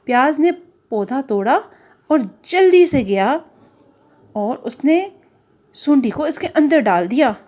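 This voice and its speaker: A woman narrating a children's cartoon story in a lively, storybook manner. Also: high voice, slow pace, long pauses.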